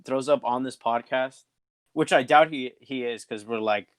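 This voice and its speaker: A man's voice: medium pitch, normal speed. A young man co-hosting a podcast in casual chat with friends, talking in loose, slangy banter and laughing often. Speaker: podcast co-host.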